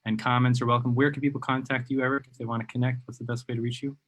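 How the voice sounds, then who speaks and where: A man hosts a live video interview show, speaking in a husky, mid-range voice that barely moves in pitch. He talks rapid-fire, enthusiastic and rambling, filling his speech with plenty of ums and uhs.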